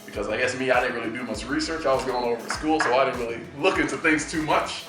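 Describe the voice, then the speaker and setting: A man hosting a relaxed hot-wings chat, joking and laughing between bites. He sits back from the mic in a roomy, echoey space, with music playing clearly behind him. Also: medium pitch, fast, recorded from a distance. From Canada. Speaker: host. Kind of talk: casual chat.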